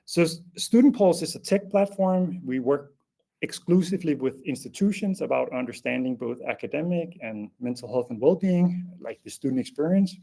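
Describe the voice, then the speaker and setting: A man presents to an online audience in a relaxed, unscripted way. His voice is gravelly and mellow, and he trips over his words and restarts often as he explains. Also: on the high side, moderate pace. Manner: hesitant, many restarts and fillers. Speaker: webinar host. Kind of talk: casual webinar presentation.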